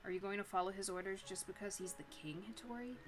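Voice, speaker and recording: A woman's voice: mid-range voice, fast, music in the background, lightly acted. A woman voicing the young heroine of a visual novel in a firm, encouraging way. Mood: urging. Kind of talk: reading a visual novel aloud.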